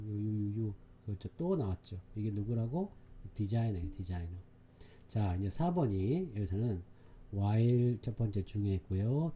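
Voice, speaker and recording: With a warm, mid-range voice and slight background noise behind him, a man lectures on a reading passage for English exam prep. He is repetitive and emphatic, stressing key words and repeatedly making sure his students understand.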